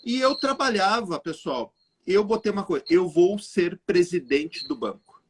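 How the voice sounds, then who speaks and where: A man, a guest telling an animated story straight to the viewers of a live chat. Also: sits high, measured pace. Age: 40s. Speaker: guest entrepreneur.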